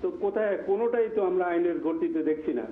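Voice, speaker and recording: A man calling into a talk show, critical and repetitive, with hesitant pauses. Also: high-pitched, slight background noise. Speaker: caller. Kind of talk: call-in comment. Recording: echoey tinny phone line.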